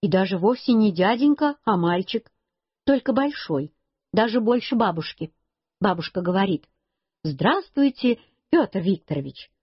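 Husky woman reading a children's story. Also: medium pitch, animated, normal speed, dry recording. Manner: plain storytelling in a boy's first person. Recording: dull lo-fi recording.

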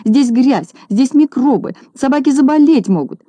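A woman's voice: sits high, lively intonation, fairly quick, dark tone, no room sound, pitched above the performer's own voice. A woman voicing a haughty, fussy rich lady in an audiobook, shrieking and scolding melodramatically. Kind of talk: audiobook character reading.

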